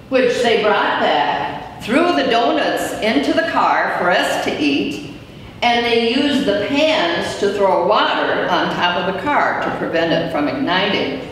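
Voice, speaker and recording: A woman reading aloud a first-person recollection in a measured, deliberate storytelling manner. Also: mid-range voice. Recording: echoey hall from far off, faint noise.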